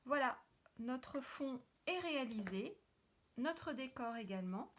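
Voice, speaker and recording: Slow and expressive, this high-pitched woman hosts a relaxed craft demonstration on making cards, with slight background noise. She talks as she works, stumbling through plenty of hesitations and fillers.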